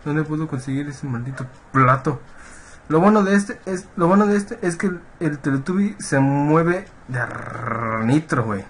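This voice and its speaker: Mexican-accented man, gaming commentary, jumpy and cursing, higher-pitched voice, faint noise behind. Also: expressive, moderate pace. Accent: Mexican Spanish. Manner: jittery, swearing, yelping when startled. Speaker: gaming video creator. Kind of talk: horror game commentary. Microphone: webcam and computer mic.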